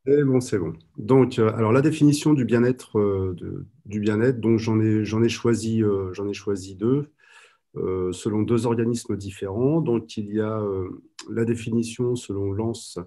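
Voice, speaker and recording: Low, husky man presenting on a video call. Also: steady tone, a little slow, warm tone. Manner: hesitant, many "euh" fillers. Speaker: guide dog trainer presenting at a conference. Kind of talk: online conference presentation.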